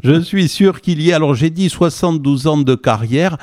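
A man's voice: a little high, moderate pace, no echo. Attentive male interviewer, dry sound. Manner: attentive, gently prompting questions.

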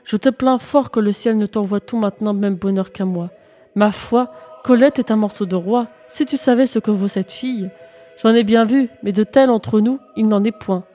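A woman's voice: mid-range voice, normal speed, warm tone, lightly acted. A woman voicing a boastful young man who brags to his friend in a verse tale. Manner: bragging, gleeful confiding.

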